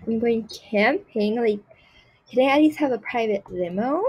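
With a slightly high, somewhat mellow voice and a touch of roughness, a woman plays a haughty, spoiled rich girl in a role-play skit over gameplay. She speaks at normal speed with lively intonation, snooty and dismissive, saying "like" and "ew" constantly, on a low-quality recording.

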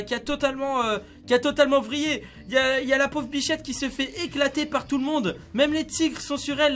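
A man giving casual, excitable commentary on a video game, chatting to his viewers like friends. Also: very high voice. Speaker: gaming YouTuber.

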